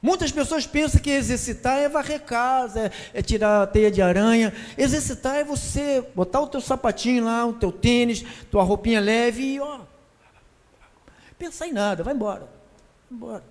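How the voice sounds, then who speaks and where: Man, Brazilian accent, pastor, lively joking sermon, very high pitch, long hall reverb. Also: moderate pace. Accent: Brazilian Portuguese. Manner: lively, joking, addresses congregation as brothers.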